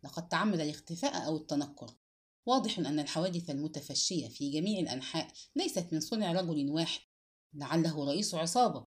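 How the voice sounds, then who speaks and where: A woman reads a crime story aloud as dramatic audiobook narration. Her pitch moves widely and expressively across each sentence, giving the tale a lively, storytelling shape. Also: quick pace.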